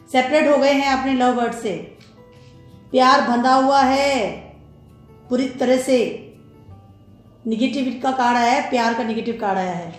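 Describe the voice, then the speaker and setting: Echoey woman giving a tarot reading. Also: fairly high pitch. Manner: mixes Hindi and English, warm advising tone with frequent "okay?" check-ins. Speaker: tarot card reader. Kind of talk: pick-a-card tarot reading. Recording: very echoey room with music.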